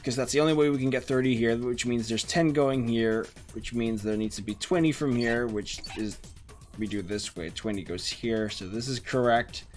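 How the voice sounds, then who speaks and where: Streaming a let's-play, this young man from the Netherlands talks in a Dutch accent, reading out chat and in-game text and thinking out loud with plenty of fillers. He speaks at medium pitch and a moderate pace, with faint music behind him.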